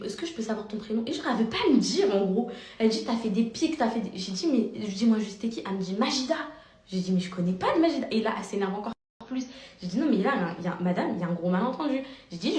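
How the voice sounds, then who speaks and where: Fast-talking young woman telling a story. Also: medium pitch, roomy sound. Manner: rapid, animated, slangy. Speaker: social media influencer. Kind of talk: casual storytelling to followers.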